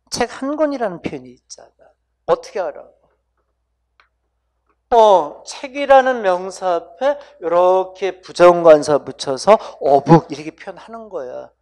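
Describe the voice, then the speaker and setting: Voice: mid-range voice, darkish tone. Chatty exam-prep English teacher. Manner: casual banmal, keeps asking students "right?"; addresses students directly, coaxing them to repeat sounds.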